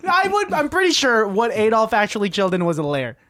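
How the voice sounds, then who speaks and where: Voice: medium pitch, huge pitch swings, fast, a bit bright. Playful podcast host with laughter. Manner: playful, laughs often, tries silly impressions. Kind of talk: casual comedic chat.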